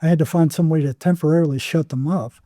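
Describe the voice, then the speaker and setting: Being interviewed as a therapist, this older man talks through his memories, stumbling and repeating words and playing out past conversations. His pitch runs a touch high, his tone steady, very mellow and subdued, captured in a close, dry recording.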